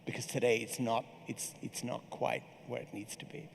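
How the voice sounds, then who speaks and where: A man's voice: mid-range voice, flat delivery, normal speed, gravelly. A man with an Irish accent, speaking as a panelist in a panel discussion, explaining at length with hesitant fillers. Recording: reverberant hall with faint noise.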